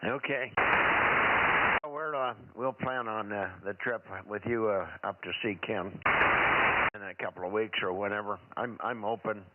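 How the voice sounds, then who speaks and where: A man's voice: lowish voice, steady tone, measured pace. A man running a ham radio net, heard over a two-way radio, who repeats calls and sign-offs in radio procedure. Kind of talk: casual two-way radio exchange. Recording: tinny radio with loud static.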